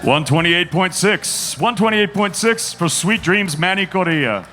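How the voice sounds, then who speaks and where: Booming, high-pitched male fight announcer. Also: animated, sharp tone, slight background noise. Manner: booming, drawn-out calls like a lucha libre announcer. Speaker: boxing ring announcer hosting a weigh-in. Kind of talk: theatrical bilingual fight announcing.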